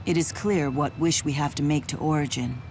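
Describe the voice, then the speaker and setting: A video game character, a noble spirit swordswoman, speaks in a notably low voice that is formal, measured and steadfast. Her mood is grave and solemn, and soft music plays behind her.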